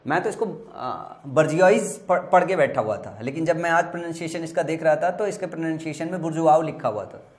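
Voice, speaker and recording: A man whose first language is Hindi, teaching exam vocabulary, explaining slowly, repeating words and spelling them letter by letter. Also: fairly high pitch, a little mellow, reverberant.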